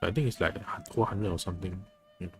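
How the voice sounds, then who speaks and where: Over soft background music, a man with a low voice talks fairly quickly while livestreaming a game. He chats casually with viewers as he plays, thinking aloud in a hesitant way.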